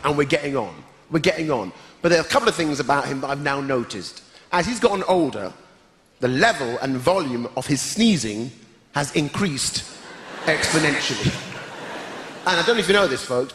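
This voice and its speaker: A man's voice: on the high side, a little hiss or hum. A man hosting a stand-up comedy show on a theatre stage, playfully teasing the audience. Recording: echoey theatre with loud crowd.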